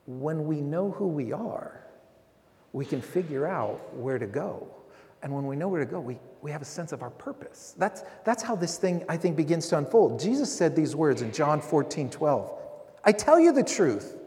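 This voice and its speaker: A man preaching a sermon as pastor, animated and speaking directly to the congregation. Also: on the high side, moderate pace. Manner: animated preaching, quoting others in voices. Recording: long hall reverb.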